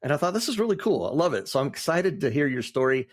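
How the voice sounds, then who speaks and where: A podcast host interviews his guest in a casual, chatty way, sounding enthusiastic, rambling, and warmly encouraging. His mid-range voice swings widely in pitch, and he talks fast.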